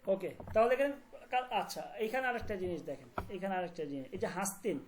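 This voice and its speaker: A woman teaching a language class online, explaining words slowly and often asking whether students follow. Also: medium pitch, animated, a little hiss or hum. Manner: repeats words and checks understanding often.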